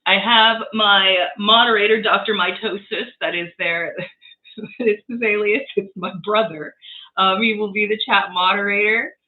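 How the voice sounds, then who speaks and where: A livestream host talks casually and haltingly, full of ums while troubleshooting, with a sore throat from strep. The voice comes through a webcam mic, bitcrushed and crunchy, thin and tinny like a phone line. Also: medium pitch, fairly even intonation. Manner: hesitant, lots of fillers, troubleshooting aloud. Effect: crunchy, bitcrushed digital audio. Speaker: streamer hosting a live Q&A. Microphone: built-in webcam microphone.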